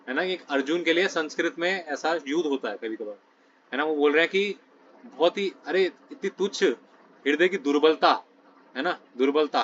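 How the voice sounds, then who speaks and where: A man leads a scripture study session, talking casually and often checking in with his listeners between phrases. His voice sits a little high. The recording is dull and lo-fi with a faint hiss behind him. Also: a bit bright. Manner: conversational, keeps asking "है ना" between phrases. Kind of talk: explaining scripture to a study group. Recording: dull lo-fi sound with faint noise.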